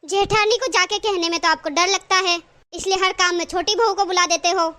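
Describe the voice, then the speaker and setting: A woman's voice: very high voice, fairly even intonation, fairly quick, pushed and bright. Woman doing a defiant, overworked cartoon daughter-in-law. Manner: argumentative, complaining back.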